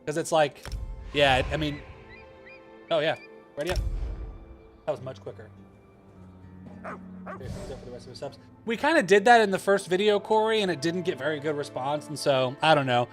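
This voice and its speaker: A man's voice: on the high side, moderate pace, long pauses, faint music behind. A man hosting a gaming livestream, chatting casually and rambling as he answers viewers' questions.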